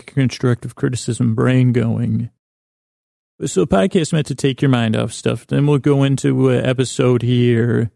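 In a close, dry recording, a low-voiced man opens his sleep podcast with a meandering monologue. He delivers it creakily and mellowly, stopping and starting, backtracking often and making light of himself.

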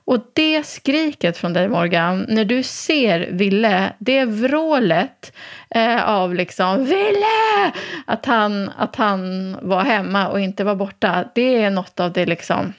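A mother from Sweden joining in quickly and chattily as she retells the family story in casual conversation. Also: medium pitch. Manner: quick, chatty, adds to her partner's story.

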